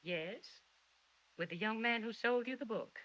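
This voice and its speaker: A middle-aged actress playing a gentle, protective mother who speaks in a soothing, motherly way, on a dull 1930s film soundtrack. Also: fairly high pitch, a little slow. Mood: tender.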